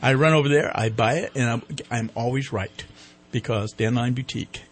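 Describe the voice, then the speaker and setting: A man's voice: medium pitch, a little fast, a little hiss or hum. A man hosting a radio show, chatting casually and reading sponsor mentions in an off-the-cuff way. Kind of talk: casual radio chat with live sponsor reads.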